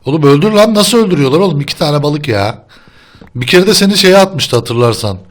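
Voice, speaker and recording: Chatty young man with a lively voice. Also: fairly high pitch, a little fast. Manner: chatty, laughs a lot, argues playfully. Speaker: gaming channel host. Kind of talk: casual gameplay chat.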